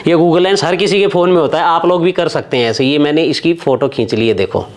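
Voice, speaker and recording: A man's voice: a little high, a little fast. A man hosting a casual shopping vlog in a big clothing warehouse, eagerly exclaiming and asking questions. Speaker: vlogger host. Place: large indoor clothing warehouse. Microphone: lapel mic.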